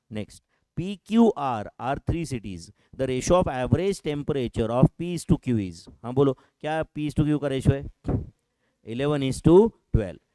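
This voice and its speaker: A man leads a classroom maths lecture, firing rhetorical questions at his students and slowing to dictate each term. His voice sits fairly high but sounds mellow and soft-edged. The recording is dry and close, with no room echo. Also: smooth. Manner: slows right down to dictate English terms. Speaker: maths teacher.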